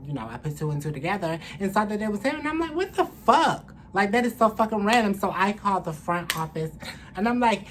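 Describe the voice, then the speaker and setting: Talking casually to camera from a small room, a young female vlogger uses a low voice to share her story in candid, animated, profane slang. Faint noise sits behind her, and the room ambience is clearly noisy.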